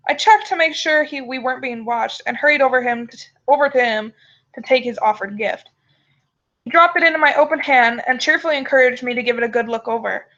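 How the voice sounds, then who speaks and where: A woman's voice: high voice, a little fast, a bit bright. A woman storyteller reading a first-person tale aloud on a dull, lo-fi microphone. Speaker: storyteller and show host.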